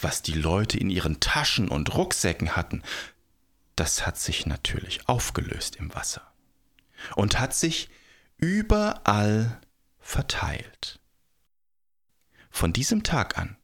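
A man telling a fairy tale in a gentle, chatty way, adding little tag questions. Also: low voice, slightly rough. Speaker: storyteller. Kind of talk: freely told fairy tale narration.

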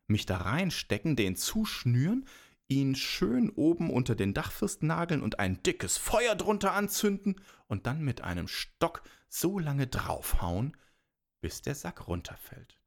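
A bold, cheeky young girl from a fairy tale who outsmarts a giant, voiced by a male storyteller. She lays out her tricks slowly and slyly, with a lively, sing-song rise and fall. She sounds sure of herself. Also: medium pitch, vocal fry, exaggerated voice. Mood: scheming. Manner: cheeky and scheming.

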